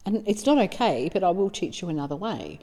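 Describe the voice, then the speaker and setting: A woman with an Australian accent voicing a gentle, patient mother talking to her young son, calm and softly coaxing. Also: on the low side, brisk. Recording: long reverb.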